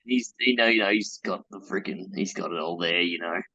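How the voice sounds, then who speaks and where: A man co-hosting a punk podcast in jokey, chatty conversation with quick laughs. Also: low-pitched, creaky, bright, forceful tone, dry recording, lo-fi sound. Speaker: podcast co-host. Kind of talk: casual chat about punk music.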